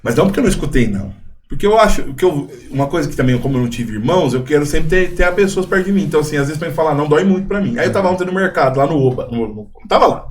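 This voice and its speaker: A young Brazilian man, a missionary guest, chatting casually and telling lively stories, acting out the voices of people in them. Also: fairly high pitch, racing. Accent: Brazilian Portuguese. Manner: animated storyteller, acts out quoted voices. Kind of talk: casual chat.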